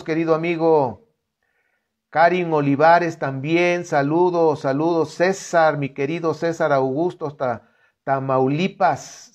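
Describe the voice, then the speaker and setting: A man's voice: fairly high pitch, a little mellow. A man leading a live-streamed Bible reflection, reading scripture aloud and talking to viewers in an earnest, conversational way. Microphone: computer setup.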